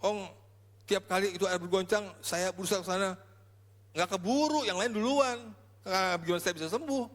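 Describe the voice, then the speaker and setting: A man's voice: sits high, fairly quick, a bit bright, pitched above the performer's own voice. A man voicing a discouraged lame man who complains in a raised, plaintive voice. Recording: echoey church hall.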